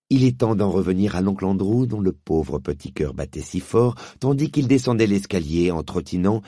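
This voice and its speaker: Male audiobook narrator, dark warm tone, lively inflection, close dry mic. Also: low voice, vocal fry, husky, no room sound. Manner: measured, expressive storytelling.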